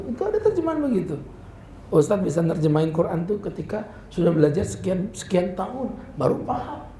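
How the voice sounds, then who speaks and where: A man preaching a humorous religious lecture, lively and joking, who switches between slow chanted recitation and chatty talk. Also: sits high. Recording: echoey room with faint background noise.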